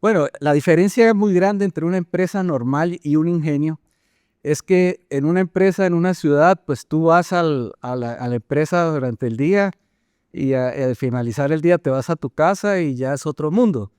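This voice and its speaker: An older man from Colombia with a Colombian accent, a company general manager answering interview questions thoughtfully, often pausing and repeating words. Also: a little high, darkish tone, clear, resonant tone, no room sound, studio quality. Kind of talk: conversational interview.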